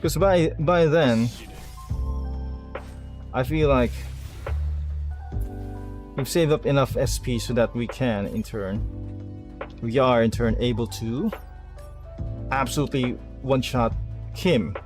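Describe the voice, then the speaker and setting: Pausing often and speaking slowly, a video game streamer talks through his gameplay casually, muttering unfinished plans to himself and swearing mildly. His voice is medium-pitched and darkish, and faint music plays in the background.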